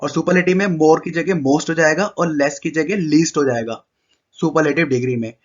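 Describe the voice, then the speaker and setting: A man with a fairly high voice teaches a grammar lesson, switching between Hindi and English. He spells out the examples letter by letter and stretches them slowly, and the recording sounds muffled and lo-fi.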